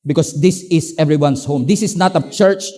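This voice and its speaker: A middle-aged man with a Filipino accent, preaching a sermon as a pastor, telling stories with emphatic highs and quiet low asides. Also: normal speed. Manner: animated storytelling, swings between emphatic highs and low asides.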